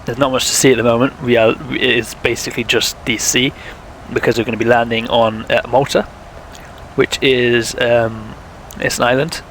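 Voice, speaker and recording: A man's voice: medium pitch, little pitch movement, normal speed, a bit bright, slight background noise, poor audio. A young man, chatting casually while streaming a flight sim, thinking aloud and talking to viewers, with a sore throat. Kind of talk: casual live-stream commentary.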